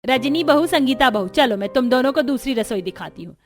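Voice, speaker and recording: A woman playing a gentle older mother-in-law. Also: high voice, expressive, fairly quick. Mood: earnest.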